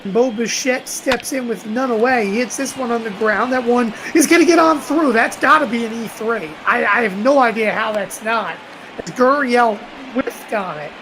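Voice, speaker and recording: A woman's voice: on the high side, normal speed, background noise. A woman doing emphatic, conversational play-by-play baseball commentary on a live stream.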